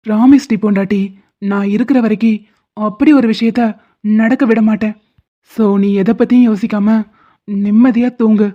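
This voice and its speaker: A woman's voice: fairly high pitch, fairly even intonation, normal speed, long pauses, natural voice. A woman voicing a confident, protective young man in a cartoon drama, teasing and reassuring. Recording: dull lo-fi audio.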